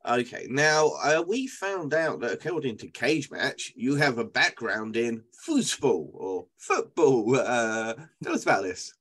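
A man's voice: medium pitch, sing-song, unhurried, hardly any pauses, a bit bright, slightly rough. A man co-hosting a casual interview, asking questions in an informal, chummy way. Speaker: interviewer, co-host.

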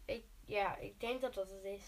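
A woman's voice: mid-range voice, fairly even intonation, moderate pace, poor audio. A young teenage girl with a stuffy nose from a cold, chatting casually as a guest on a podcast. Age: child or young teen. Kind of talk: casual chat among friends.

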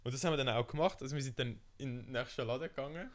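A man's voice: medium pitch, racing. Laughing Swiss German storyteller man. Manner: lively storyteller, mimics voices, laughs often. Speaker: podcast co-host. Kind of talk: casual storytelling chat.

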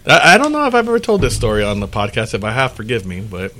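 A man's voice: medium pitch, quick pace, noisy background. A man hosting a podcast, telling a rambling story in casual chat and acting out the dialogue. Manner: rambling, animated storyteller who acts out dialogue. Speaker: podcast host.

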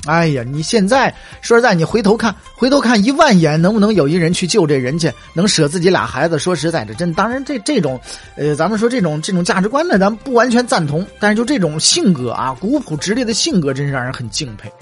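A man's voice: sits high, very animated, fast, soft background music. A man, telling history as humorous, chatty storytelling with wry asides.

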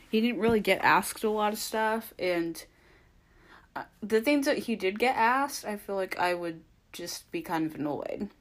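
Young woman, lower-pitched, casual recap chat. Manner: conversational, rambling, frequent "like" and hedged opinions. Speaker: reality TV recap podcaster. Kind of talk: casual opinionated recap commentary.

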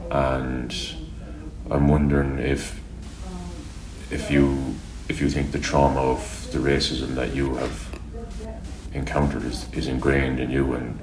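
A man's voice: rumbling low, level tone, takes it slowly, reverberant, crowd noise, rough recording. A man with an Irish accent, asking questions conversationally as an interviewer. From Ireland.

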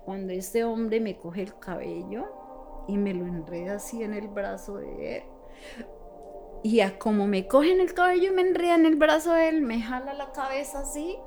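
A woman's voice: a little high, normal speed, a little mellow, soft background music. A woman giving an intense, emotional testimony about her own experience, acting out what was said. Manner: intense, re-enacts dialogue, pleading. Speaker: interviewee recounting abuse.

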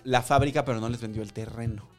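A young man with a Mexican accent hosts a relaxed podcast conversation. His voice sits in a middle register, and he tells stories with lots of energy, slipping into the voices of the people he quotes. Soft music plays faintly underneath. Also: medium pitch, quick pace. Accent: Mexican Spanish. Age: young adult. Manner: animated storyteller, acts out quoted voices and laughs often. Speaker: podcast host. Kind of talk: casual chat.

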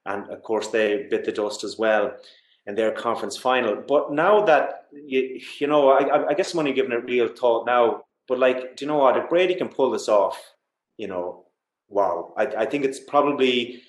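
Male sports interviewee, west of Ireland accent, conversational and enthusiastic, average pitch, roomy echo. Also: normal speed. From Galway, west of Ireland. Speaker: interview guest. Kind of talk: casual sports chat. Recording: roomy, echoey sound.

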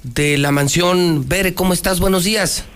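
A man's voice: high-pitched, measured pace, a bit bright. A man with a Mexican accent hosting a radio show in casual, joking banter and informal chat with sponsors. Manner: teasing, informal. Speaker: radio host.

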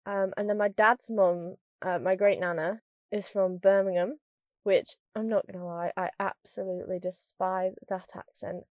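A woman's voice: mid-range voice, fairly even intonation, normal speed, a little mellow, no room sound, studio quality. A young woman from Scunthorpe with a northern English accent, chatting casually to camera in a jokey, self-deprecating way. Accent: northern English, Lincolnshire. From Scunthorpe, northern England.

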